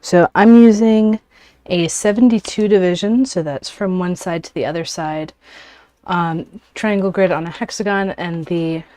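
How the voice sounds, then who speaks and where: A woman hosting a casual livestream, chatting with pauses as she works and sounding a little out of breath. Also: lowish voice, steady tone, warm tone, dry recording. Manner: unhurried, talks while working with frequent pauses. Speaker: origami livestream host. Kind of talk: casual livestream chat while folding.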